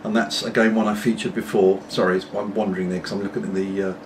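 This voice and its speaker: A man's voice: low-pitched, little pitch movement, fast talker. A middle-aged British man rambling casually to camera with apologetic asides, talking while puffing on a pipe at home. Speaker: pipe-smoking video blogger. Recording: distant mic, clearly noisy background.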